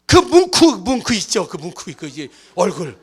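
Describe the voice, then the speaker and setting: A man preaching a lively Easter sermon as pastor of a church, acting out characters and calling on the congregation. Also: high-pitched, normal speed, breathy edge. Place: church sanctuary.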